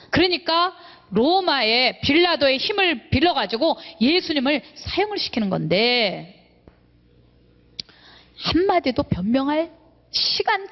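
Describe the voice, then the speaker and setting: A woman pastor delivers a dramatic sermon in a bright, high voice. She leans hard on key words and then drops to hushed asides. The recording sounds dull and lo-fi. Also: in a large hall. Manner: dramatic, swings between loud emphasis and hushed asides.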